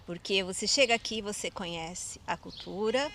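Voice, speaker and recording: A woman's voice: mid-range voice, moderate pace, fairly bright tone, a little hiss or hum. A woman from Brazil with a Brazilian Portuguese accent, hosting a casual chat and quizzing her guest. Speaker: host.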